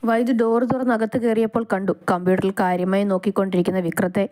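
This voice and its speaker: A woman narrating a romantic short story in a steady, expressive reading. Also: medium pitch, fast talker, low-quality recording.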